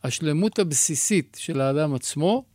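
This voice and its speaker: A man, a rabbi and guest, explaining mystical teachings in a measured, teacherly way with rhetorical questions, recorded in a studio. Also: a little high, animated, a little mellow, no room sound.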